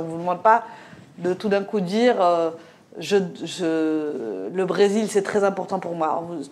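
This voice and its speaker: Speaking on a discussion panel, a middle-aged Moroccan woman hesitates often, filling pauses and restarting her sentences. She has a slight Moroccan French accent and a mid-range, a little mellow voice.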